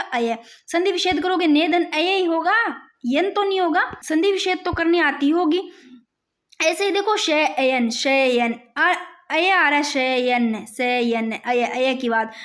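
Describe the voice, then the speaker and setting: A woman teaching a grammar lesson, sounding out each example word slowly and calling her students "bhai". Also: high-pitched, fairly bright tone.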